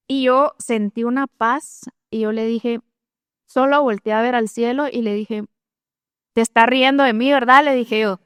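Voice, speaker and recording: A woman, telling her testimony in an animated, conversational way and acting out her own thoughts. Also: fairly high pitch, clean tone, no room sound, clean studio sound. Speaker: guest sharing testimony.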